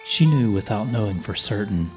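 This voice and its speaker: A man reading a folklore horror story as a slow, measured, solemn scripted narration. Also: lowish voice, expressive, slight background noise. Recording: music playing under the voice.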